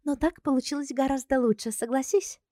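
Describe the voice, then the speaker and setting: A sly young princess, put on by a woman narrator, soft and airy but quietly smug. She speaks high and light and never raises her voice. The reading is dry and close. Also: fairly even intonation, brisk, dry recording, natural voice. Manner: soft, airy, self-satisfied.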